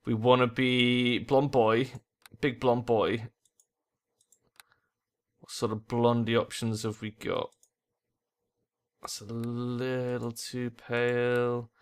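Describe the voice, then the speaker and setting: A man's voice: mid-range voice, flat delivery, slow, pauses often, clear, resonant tone. Casual, sweary man playing a game. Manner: informal, sweary, thinking aloud. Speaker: gamer, let's play host. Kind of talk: casual gameplay commentary.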